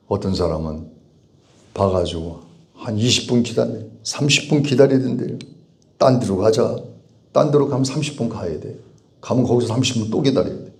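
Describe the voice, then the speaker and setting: A man preaching as a pastor, with rhetorical questions, emphatic repetition, and sudden swings from loud pleading to low, quiet asides. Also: moderate pace, vocal fry. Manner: bursts out to dramatize cries, then drops low. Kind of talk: sermon.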